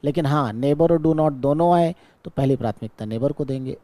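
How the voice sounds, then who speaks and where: A male teacher, patiently explaining an exam-prep grammar lesson. He keeps checking in with his class and stretches out his English example sentences very slowly. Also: a little high, dark tone, dry recording.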